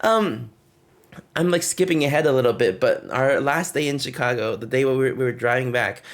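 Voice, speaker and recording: A man's voice: medium pitch, moderate pace. A man livestreaming, casually telling trip stories to his chat, laughing often and breaking off to greet and thank viewers. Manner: animated, laughing often, rambling with fillers.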